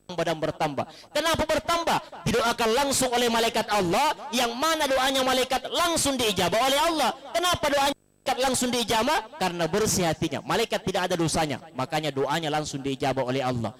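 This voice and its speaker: High-voiced joking preacher. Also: male voice, lively intonation, quick pace, fairly bright tone. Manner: storytelling with jokes and voiced quotes, leaps up for emphasis. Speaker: Islamic preacher. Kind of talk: humorous sermon at a condolence gathering. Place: live gathering in a home, broadcast on radio.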